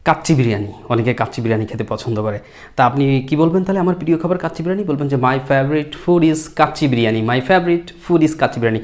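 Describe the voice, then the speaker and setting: A male English teacher giving an online lesson, addressing the viewers directly and stretching out the model sentences slowly. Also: mid-range voice, a little mellow. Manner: slow, drawn-out model sentences.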